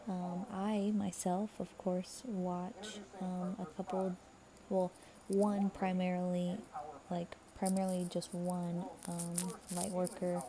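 A young woman talking quietly and half-whispering late at night in a shared bedroom, rambling with many fillers as she hosts a spiritual reading. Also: fairly low pitch, little pitch movement, slow. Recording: TV chatter in the background. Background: television playing.

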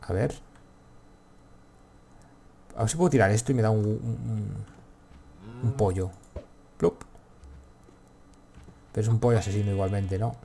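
This Spanish gaming host, Castilian accent and all, chats casually through gameplay, rambling to himself and swearing freely. His fairly low, gravelly voice is warm and unhurried, with long pauses and a little hiss or hum.

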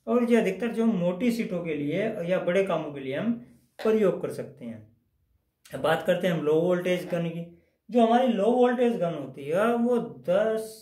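A man's voice: high voice, darkish tone, roomy sound. A man teaching a technical lesson at a whiteboard, explaining step by step and repeating phrases as he goes. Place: indoors at a whiteboard.

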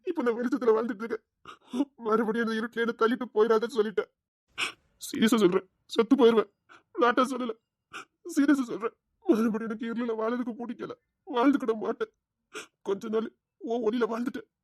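A woman's voice: fairly high pitch, steady tone, fast talker, pauses often, darkish tone, no room sound, clean studio sound, close to an everyday voice. A woman voicing a remorseful young husband who pleads with his wife, in a Tirunelveli Tamil accent, often whispering apologies. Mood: desperate.

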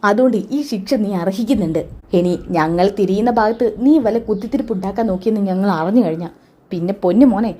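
A woman's voice: mid-range voice, quick pace, warm tone, lightly acted. A woman voicing an angry, domineering elder brother who scolds and threatens in a serial recap. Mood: scolding.

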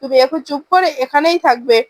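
A woman's voice: sits high, quick pace, dry recording, natural voice. A woman voicing a bitter young daughter who speaks harshly and defiantly to her mother.

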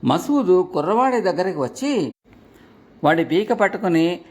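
A male storyteller reading a folk tale aloud, his voice slightly high and full of animated rises and falls. The delivery is expressive, pulling the listener along. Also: moderate pace. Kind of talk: storybook narration.

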